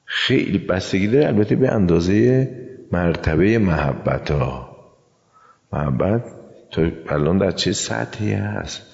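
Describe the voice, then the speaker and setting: A man's voice: deep voice, animated, creaky, a little mellow. An older man from Iran preaching a colloquial sermon, telling stories in a folksy way and acting out the voices of the people in them. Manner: folksy storyteller who acts out the voices in his tales. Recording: dull lo-fi sound with long hall reverb.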